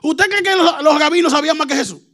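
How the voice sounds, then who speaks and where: A man preaching a humorous teaching sermon, animated, laughing often and breaking into shouts. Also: very high voice, fast talker.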